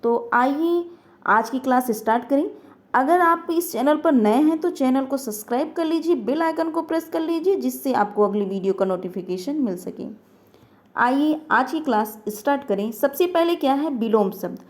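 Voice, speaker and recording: A woman's voice: high-pitched, lively intonation, normal speed. A woman teaching an online grammar lesson, asking questions and answering them herself, repeating each word.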